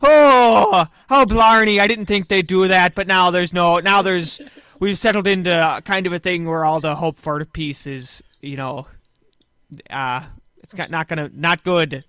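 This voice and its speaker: Guy doing a loud over-the-top irish bloke, pitched way up, dry mic. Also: a little slow, clear, resonant tone, dry recording. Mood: blustery. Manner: loud, exclaiming. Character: blustery stock Irish man.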